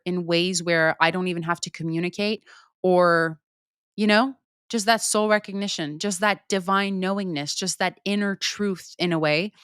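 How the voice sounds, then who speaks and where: A woman's voice: lowish voice, bright, forceful tone, smooth, dry recording, studio quality. A young woman speaking in a casual, candid monologue as a podcast host, unfiltered and swearing casually. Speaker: podcast host answering listener questions.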